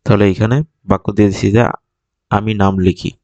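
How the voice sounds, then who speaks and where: A man's voice: fairly low pitch, level tone, quick pace, mellow, dry recording, lo-fi sound. A male language teacher whose first language is Bengali, patiently explaining vocabulary and repeating each word to drill it in. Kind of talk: vocabulary lesson, explaining words.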